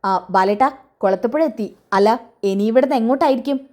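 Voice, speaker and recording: A woman's voice: on the high side, quick pace, darkish tone, lightly acted. A woman voicing a fussy, complaining male companion who follows his boss around. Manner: whiny, complains.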